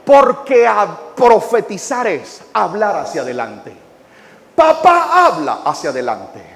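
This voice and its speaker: A high-voiced man preaching a sermon in a big, echoing church hall. He talks slowly, stretches his phrases, and makes the congregation say his lines back. His pitch swings widely between hushed words and shouted high points. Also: big pitch swings, gravelly. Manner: calls the congregation to repeat phrases; swings from quiet drawn-out phrases to shouted emphasis. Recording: echoey hall.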